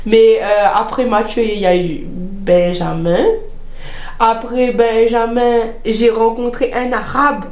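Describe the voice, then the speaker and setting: A woman gossiping in an animated, casual way as she tells personal stories, repeating phrases for emphasis. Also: a little high, slow pace. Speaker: vlogger telling personal stories. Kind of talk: casual gossipy storytelling chat. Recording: echoey room, faint background noise.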